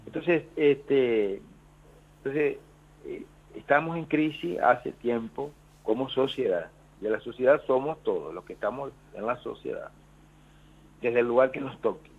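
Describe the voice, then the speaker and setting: This is a phone-in radio interview with an Argentine union leader who speaks Argentine Spanish in an unhurried, gravelly, medium-pitched voice with a breathy edge. He meanders and often starts over. The telephone gives the recording a tinny quality.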